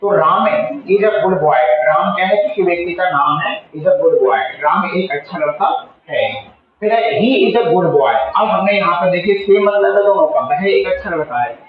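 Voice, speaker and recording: A man's voice: sits high, moderate pace, a crowd in the background. A male teacher with a slightly sore throat, explaining a spoken English lesson in Hindi and often repeating key words back to the class as questions. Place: school classroom. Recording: distant, echoey, tinny phone-like sound.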